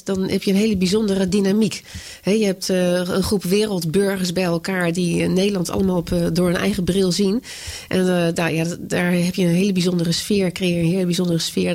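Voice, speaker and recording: A woman's voice: lowish voice, little pitch movement, fairly quick, a little mellow. A woman, the author of a book, answering interview questions in a hesitant way, with many fillers and restarts.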